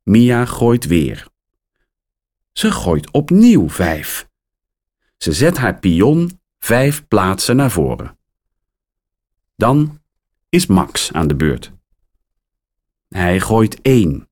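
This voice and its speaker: A man reading a children's story aloud, slow and expressive. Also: lowish voice.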